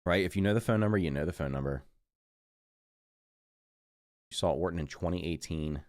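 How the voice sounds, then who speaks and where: In clean, dry studio sound, a congested middle-aged gamer rambles through casual livestream chat at normal speed. His voice is low and a little mellow. He keeps fixing his sentences partway through and mutters as he plays.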